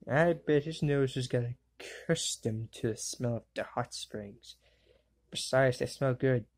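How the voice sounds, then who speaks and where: For a cartoon fan dub, a mid-range female voice takes on the role of a young boy wizard, full of excited yelps and wisecracking jokes.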